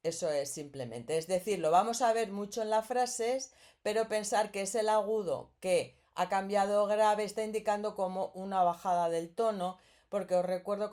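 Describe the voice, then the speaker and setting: A woman's voice: lowish voice, dark tone. A woman teaching a grammar lesson, explaining patiently and often checking in with the listener.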